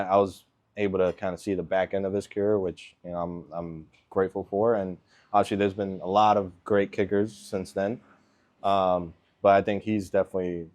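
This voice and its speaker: A deep-voiced man in his twenties, Venezuelan-born and Miami-raised, answers interview questions as an NFL kicker. He's laid-back and relaxed, filling his answers with lots of ums and likes.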